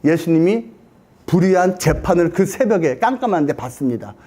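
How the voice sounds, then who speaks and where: A man telling a Bible story as a sermon, dramatic and animated, often asking the audience questions. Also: on the high side, moderate pace.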